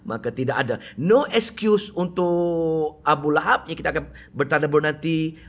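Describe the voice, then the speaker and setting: A middle-aged man with a Malaysian Malay accent giving a mosque lecture on Quran commentary, animated and full of rhetorical questions. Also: fairly high pitch, moderate pace. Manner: animated, rhetorical questions, acts out quoted speech loudly.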